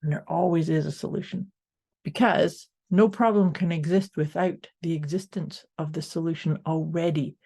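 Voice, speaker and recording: A woman's voice: deep voice, fairly even intonation, normal speed, creaky, mellow, husky. A woman co-hosting a motivational podcast, talking through mindset tips in an upbeat, encouraging way. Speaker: podcast co-host. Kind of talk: casual motivational chat.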